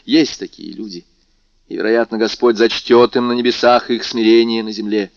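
A man's voice: medium pitch, steady tone, moderate pace, no echo, highs cut off, natural voice. A man reading aloud and playing a passionate, determined young man in love, earnest and intense.

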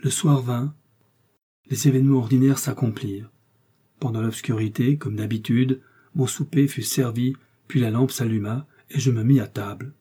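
A man's voice: mid-range voice, steady tone, normal speed, dark tone, breathy edge, close to an everyday voice. A man reading an audiobook, voicing a defiant, vengeful young noblewoman in an impassioned, dramatic way. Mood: tense.

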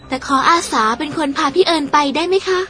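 A woman with a very high voice plays a chatty, spirited young woman in an audio drama, with faint music in the background. Her character speaks in a lively, polite, gossipy way and bristles with indignation quickly.

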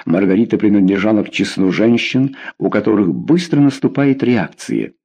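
A man narrating a historical novel in an expressive, measured audiobook reading. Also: lowish voice.

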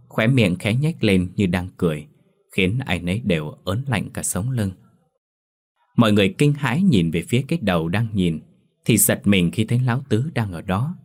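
A man narrating a ghost story in a steady, grave storytelling manner. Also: fairly low pitch.

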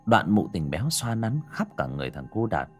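A male storyteller with a husky, low voice narrating a scripted horror tale. His delivery rises and falls in a lively, dramatic way, with faint music playing underneath. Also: brisk.

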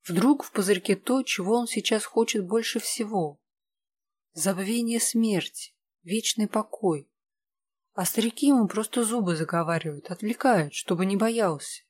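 A narrator reading a novel aloud in a steady, measured way. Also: mid-range voice, breathy edge, no room sound. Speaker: audiobook narrator. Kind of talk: scripted narration of a fantasy novel.

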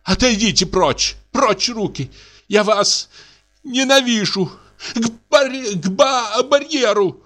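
A man's voice: fairly high pitch, very animated, measured pace, sharp tone, heavily acted. A man voicing a hot-tempered young widow in indignant, wavering outbursts, as in an audiobook drama reading. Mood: flustered.

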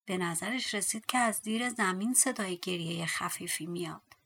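A woman's voice: lowish voice, fairly bright tone, breathy edge. A woman narrating a fairy tale audiobook expressively, dropping to a whisper at tense moments. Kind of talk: storytelling narration.

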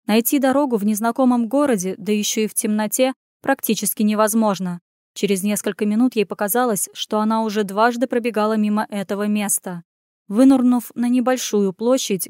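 A woman narrating a fantasy audiobook with brisk, lively storytelling. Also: mid-range voice, no room sound, studio quality.

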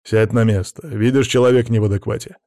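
A male reader voicing a stern, commanding team leader in an audiobook, speaking forcefully with a growl. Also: fairly low pitch, steady tone, fast talker, dry recording, studio quality, natural voice.

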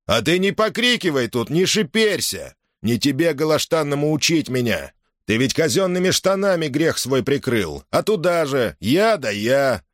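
A man voicing a drunk, bald older Cossack who scolds and shouts at his guests. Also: medium pitch, very animated, unhurried, dry recording, studio quality, voice pushed up. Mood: shouting.

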